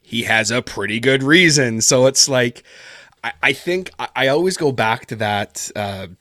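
A Canada-based horror story writer appears as a podcast guest, chatting casually in an interview. His mid-range voice is bright and forceful with lively intonation at a measured pace, recorded with no room sound. He rambles, heavy on fillers like "like" and "kinda".

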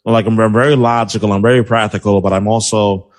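A man's voice: lowish voice, steady tone, fast. A young man from New City, chatting about sports in a rambling, trash-talking way full of fillers. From New York City. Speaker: podcast guest, sports broadcaster. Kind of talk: casual sports chat.

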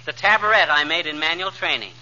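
A man's voice: on the high side, quick pace, bright, forceful tone. An American man playing a blustery, folksy, bumbling husband in a 1940s radio comedy. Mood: boastful, jovial. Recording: dull, faintly noisy vintage radio recording.

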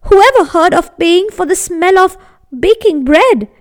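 A poor, hungry villager who stammers as he pleads, as a woman storyteller voices him. The voice sits high and moves a lot. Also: animated, normal speed. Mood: pleading.

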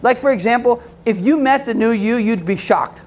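A man preaching a sermon in a conversational way, with quick asides and laughs. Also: very high voice, a little mellow. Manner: conversational, laughing asides, acts out quoted voices.

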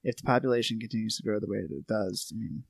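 A man's voice: fairly low pitch, very fast, gravelly, husky, no echo. A young man in a casual podcast chat who rambles and keeps restarting his sentences with "I mean".

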